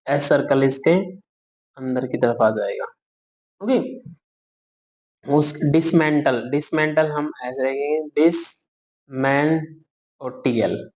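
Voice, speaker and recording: A man teaching shorthand, spelling words out letter by letter, asking if it is clear and correcting himself as he draws. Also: on the high side, darkish tone, slight background noise. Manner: calls students "beta", corrects himself as he draws. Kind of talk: explaining shorthand outlines for dictation words. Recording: muffled lo-fi recording.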